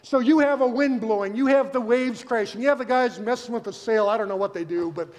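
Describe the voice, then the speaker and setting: A man preaching a sermon as pastor, telling the story with animated energy and acting out the characters in quotes. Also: very high-pitched, brisk. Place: church sanctuary. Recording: long reverb of a church hall.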